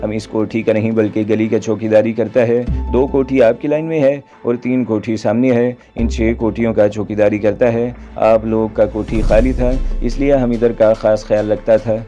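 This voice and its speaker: A man's voice: lowish voice, little pitch movement, moderate pace, few pauses, mellow, muffled recording, faint music behind, close to an everyday voice. A man voicing a humble, nervous male night watchman who speaks in broken, ungrammatical sentences. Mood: explaining. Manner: broken, ungrammatical plural speech.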